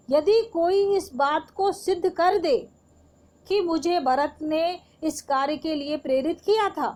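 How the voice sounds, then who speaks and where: A woman's voice: high-pitched, darkish tone. A woman teaching Hindi poetry in an online class, explaining the verse line by line and asking her students rhetorical questions.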